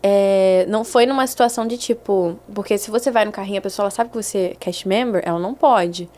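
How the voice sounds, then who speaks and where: A young adult woman with a medium-pitched voice speaks quickly as a guest on a casual podcast. She tells stories in an animated way, acting out the voices of the people she quotes.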